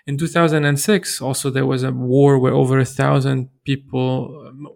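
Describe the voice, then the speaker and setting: Middle-aged man from Lebanon as an interview guest; gravelly, flat delivery, earnest and measured. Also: mid-range voice. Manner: earnest, measured, with frequent restarts. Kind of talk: thoughtful interview answer.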